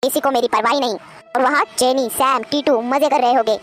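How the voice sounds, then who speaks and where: A woman's voice: high-pitched, steady tone, fairly quick, voice pushed down, natural voice. A woman voicing a greedy schoolboy who sulks about his food, in a cartoon. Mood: sulky. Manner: whiny, grumbling.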